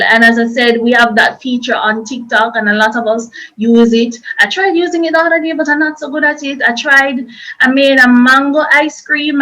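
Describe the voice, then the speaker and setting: A woman's voice: on the high side, bright, forceful tone, rough recording. A woman presenting an informal online workshop, explaining things in a chatty, loose and repetitive way.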